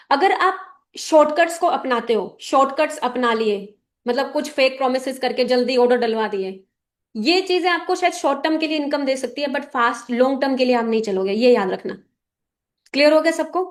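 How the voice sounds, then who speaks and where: A woman's voice: sits high, moderate pace. A woman leading a business meeting, giving direct, instructive advice to her sales team and often checking that everyone understands. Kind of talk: motivational talk to a sales team.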